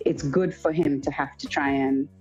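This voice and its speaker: Guest, woman, 30s, chatty and candid, dark mellow tone, dull livestream sound with faint music. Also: sits low, steady tone, normal speed. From Pakistan and England. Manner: chatty, keeps saying "do you know what I mean". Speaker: interview guest, homeschooling mum. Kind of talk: casual conversation on a livestream.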